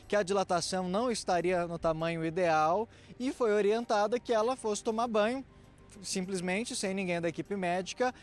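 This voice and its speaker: Guy reporting live on the scene, high voice, punchy emphatic delivery. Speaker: field reporter. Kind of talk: live on-location news report.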